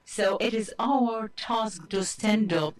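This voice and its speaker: A woman speaking as a live interpreter, giving a testimony in the first person in a slow, deliberate, earnest way. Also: medium pitch.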